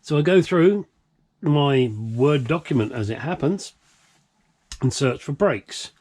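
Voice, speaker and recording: Slow but lively in intonation, this middle-aged British man's medium-pitched voice is a little mellow. He hosts a classic car workshop vlog at home, rambling casually to camera in a jokey, blunt, self-deprecating manner.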